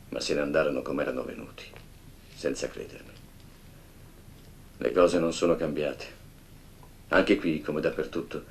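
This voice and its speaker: An actor playing an imprisoned male apostle, speaking in a measured, grave, softly admonishing way in a film drama scene. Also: extremely low pitch, vocal fry. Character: imprisoned male apostle, calm elder teacher.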